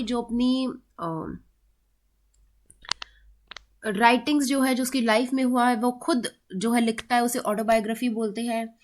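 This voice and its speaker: Brief: Indian woman teacher, a bit high-pitched, explaining grammar, mixes Hindi with English, says examples slowly. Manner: mixes Hindi and English, checks in with "ठीक है", slows down to read examples aloud. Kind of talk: explaining grammar in a classroom-style lesson.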